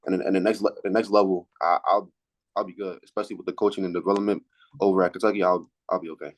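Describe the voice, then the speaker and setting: Male, late teens, student athlete. Lowish voice, casual interview answers, halting delivery with repeated words. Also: little pitch movement. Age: late teens, high school senior.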